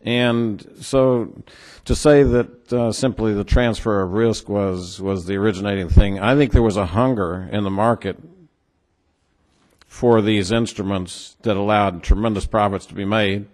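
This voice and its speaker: A man with a West Texas twang questioning witnesses at a formal hearing in a halting, plain-spoken, skeptical way. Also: lowish voice, steady tone, darkish tone. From New Mexico or West Texas, United States.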